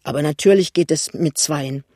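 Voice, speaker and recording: Ein Mann liest einen verlegenen, hastigen jungen Ehemann in einem Hörbuch. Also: male voice, a little high, mellow, no echo, clean studio sound, close to an everyday voice. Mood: flustered. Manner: hurried, embarrassed. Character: flustered young husband, shy and hasty. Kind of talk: audiobook reading.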